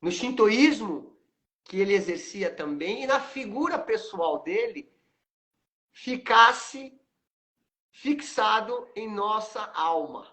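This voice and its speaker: Brazilian guy in his 50s, lively up-and-down voice, acts out dialogue while telling stories on a live stream. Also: high-pitched, slow. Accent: Brazilian Portuguese. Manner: animated, acts out dialogue, frequent tag questions. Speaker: host, aikido teacher.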